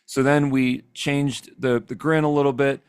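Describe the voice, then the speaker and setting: A man leading a live software training session, talking in an energetic, chatty, demonstrative way. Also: medium pitch, moderate pace, smooth, no room sound.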